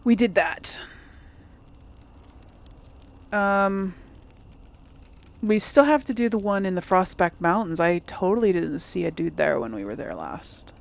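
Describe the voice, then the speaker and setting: Her voice is lowish and creaky, with lively intonation and a moderate pace, as this streamer hosts a relaxed let's play. She chats and muses aloud while playing. Faint game noise sits in the background.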